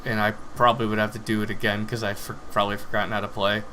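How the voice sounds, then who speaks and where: A man's voice: lowish voice, level tone, rapid-fire, sharp tone, a little hiss or hum. A young man hosting a casual podcast, rambling loosely and laughing often while telling jokes. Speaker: podcast host. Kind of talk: casual chat.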